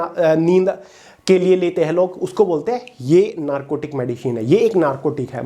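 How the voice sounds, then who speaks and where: This slightly high-pitched man has a dark tone as he works through exam vocabulary online, explaining every word and reading its English definition at a slow pace. Throughout, he checks in with his listeners like friends.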